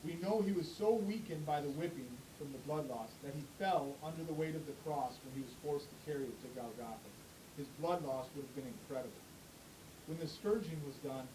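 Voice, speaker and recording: A man giving a religious pregame pep speech, preaching in an emphatic, plain-spoken way, partly reading and partly talking off the cuff. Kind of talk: motivational pregame pep speech, part read aloud, part ad-libbed. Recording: distant mic, echoey room, clear rumbling noise.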